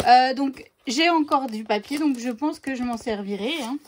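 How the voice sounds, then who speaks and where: A woman with a high voice chats her way through a casual unboxing of craft papers. She talks freely to her viewers, often pausing on filler sounds while she hunts for the next word. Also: a little hiss or hum. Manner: chatty, hesitant, with frequent "euh" fillers. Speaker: scrapbooking vlogger showing craft papers.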